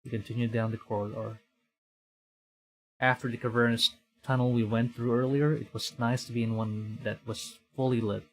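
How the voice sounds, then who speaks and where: Streaming a visual novel, a man from the Philippines reads its story aloud and mutters reactions in between, speaking at medium pitch with a flat delivery and normal speed. The low-quality recording has game music underneath.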